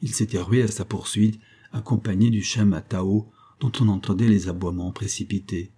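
A man reading a classic adventure novel aloud in steady, scripted audiobook narration. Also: on the low side, normal speed, husky. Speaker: audiobook reader.

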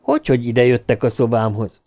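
A man reading an audiobook, voicing a frightened young male student who shouts and strains his voice. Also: mid-range voice, fairly even intonation, close to an everyday voice. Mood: shaken.

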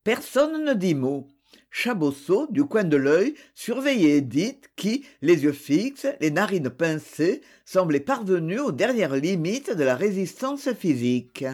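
A narrator reading a classic novel aloud in an expressive storytelling manner. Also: mid-range voice, measured pace. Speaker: audiobook narrator.

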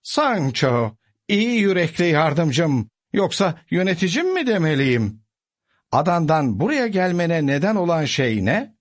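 A man's voice: fairly high pitch, very animated, unhurried, voice pushed up. A man voicing a gallant, dignified older knight in a storybook reading, courtly in manner. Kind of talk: storybook character voice.

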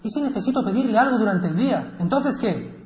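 An earnest male prophet calls out to a crowd, played by a male preacher. He stretches his exclamations in a high, swooping voice. The recording is dull and echoey. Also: lively intonation, brisk, a little mellow. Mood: pleading.

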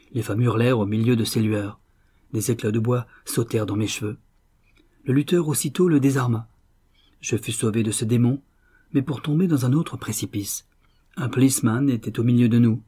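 A man narrating an audiobook in a steady, measured storytelling manner. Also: mid-range voice, husky.

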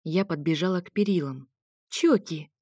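Wry, low-voiced woman narrator. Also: moderate pace, warm tone, dry recording, clean studio sound. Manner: wry, ironic. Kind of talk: first-person audiobook narration.

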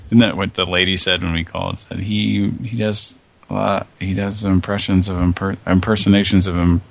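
A man hosting a casual radio show, hoarse with a scratchy throat, rambling and meandering as he talks. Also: sits low, flat delivery, normal speed, no echo. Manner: rambling, meandering, chuckling often.

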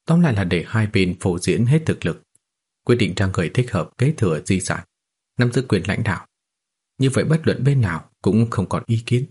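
A man voicing a calm, cunning male cultivator master in a fantasy audiobook, speaking in an even, reasoning way. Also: on the low side, moderate pace, husky.

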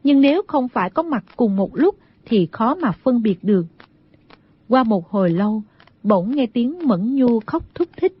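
A woman narrating an audiobook in a steady storytelling manner. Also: on the high side, measured pace, slightly rough. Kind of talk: scripted narration. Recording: dull lo-fi audio.

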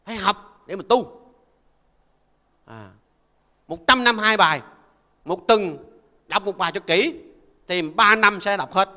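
An older Buddhist monk gives a folksy, conversational dharma talk and keeps asking listeners to agree. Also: male voice, high-pitched, takes it slowly, long pauses, sharp tone, big-room sound. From Vietnam. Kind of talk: conversational sermon.

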